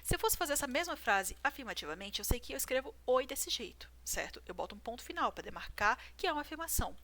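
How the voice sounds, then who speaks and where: A writing teacher with a high, bright, forceful voice explains grammar to a viewer at a quick, very animated pace. She walks through examples and repeatedly checks in with "right?", saying "certo?".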